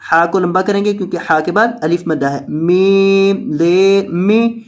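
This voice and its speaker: A Quran reading teacher giving a Noorani Qaida lesson, spelling out letters and vowel marks one by one, repeating each word patiently, and explaining the rules in quicker talk. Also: medium pitch.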